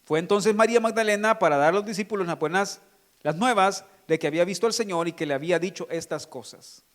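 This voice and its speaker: A pastor preaching a sermon, reading scripture and asking the congregation questions. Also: male voice, high-pitched, fast.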